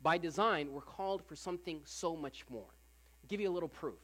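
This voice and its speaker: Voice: mid-range voice, moderate pace, a bit bright. Casual, repetitive preacher at a Sunday service. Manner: casual, repeats phrases, frequent "like" fillers. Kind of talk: conversational sermon.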